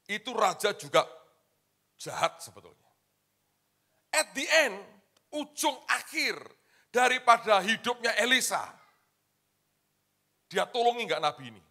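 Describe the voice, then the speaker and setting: High-voiced man preaching a lively sermon, dramatic and colloquial, talking straight to the congregation. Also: unhurried, pauses often. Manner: dramatic, swings from loud shouts to hushed asides; colloquial, keeps addressing the congregation. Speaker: pastor.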